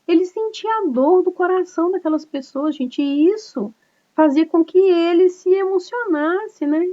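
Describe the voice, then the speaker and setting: High-voiced woman pastor preaching online. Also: moderate pace, warm tone, dull audio. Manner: earnest, conversational preaching with frequent tag questions. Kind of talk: online cell group sermon. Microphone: online video call.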